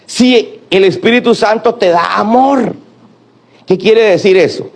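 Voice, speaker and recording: Male pastor, middle-aged, fairly high voice, preaches with call-and-response questions to the congregation. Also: measured pace, gravelly. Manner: preaching, calling on the congregation to repeat and answer. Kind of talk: sermon.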